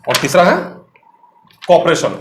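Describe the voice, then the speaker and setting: A man gives an exam-prep grammar lesson, his voice sitting slightly high. He explains step by step and keeps quizzing the viewer. The small room around him is echoey. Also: measured pace, slight background noise. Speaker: English teacher.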